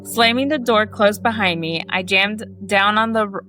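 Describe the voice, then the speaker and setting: Woman horror-story reader, steady live narration, mid pitch, soft music behind. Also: moderate pace. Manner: steady narration with small self-corrections.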